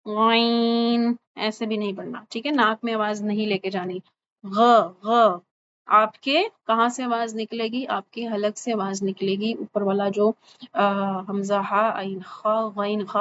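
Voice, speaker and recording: A woman teaching Quran recitation sounds in an online lesson. She speaks patiently and, and she repeats each letter slowly and checks in with "thik hai?". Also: mid-range voice, fairly even intonation, a bit bright, slight background noise. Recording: slightly dull lo-fi recording with faint ambience.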